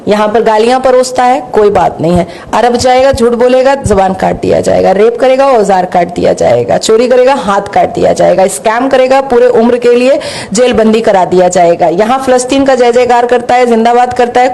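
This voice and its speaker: Woman commentator, fairly high voice, emphatic and repetitive delivery. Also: a little mellow, slight background noise.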